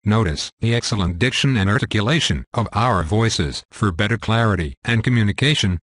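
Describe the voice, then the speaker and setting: A synthetic male narrator with a robotic text-to-speech quality and a fairly low pitch. He reads scripted material with crisp, formal diction, and the sound is close and dry without room reflections. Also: a little fast, fairly bright tone, no room sound.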